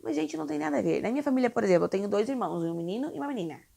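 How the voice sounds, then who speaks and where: A woman's voice: fairly high pitch, lively intonation, very fast, gravelly, mellow. A young woman from Brazil, an English teacher for children, explaining in a chatty, reassuring way with frequent tag questions. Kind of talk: casual explainer video.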